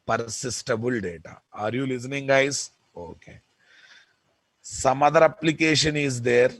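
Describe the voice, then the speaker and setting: A man with a Telugu Indian accent teaching software in an informal lecture, repeating points emphatically and often checking with listeners. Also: medium pitch, steady tone, a little slow, dry recording. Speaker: programming instructor.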